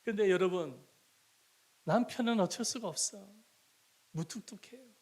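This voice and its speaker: A man's voice: high-pitched, measured pace, darkish tone, breathy edge. A man from Korea's Gyeongsang Province preaching a sermon as a pastor, emphatic and asking the congregation rhetorical questions. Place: church sanctuary.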